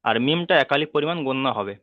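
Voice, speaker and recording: Man, tajweed teacher, patient and repetitive, slow chanted examples, dry tinny phone-like sound. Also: fairly high pitch, lively intonation, no room sound. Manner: patient and repetitive, drilling rules and asking checking questions; chants Arabic sounds slowly when modelling them. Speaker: Quran recitation teacher. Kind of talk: online tajweed lesson.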